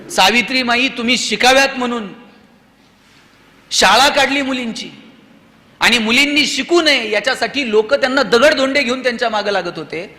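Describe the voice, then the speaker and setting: A man's voice: sits high, pushed and bright, long reverb tail. A man giving a motivational speech from a stage to young students, oratorical and full of rhetorical questions. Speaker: motivational speaker.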